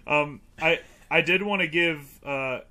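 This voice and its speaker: Bright-voiced man rambling about a movie. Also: fairly high pitch, measured pace. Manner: rambling, filler-heavy, profane, laughing. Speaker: podcast co-host. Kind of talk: casual movie review chat.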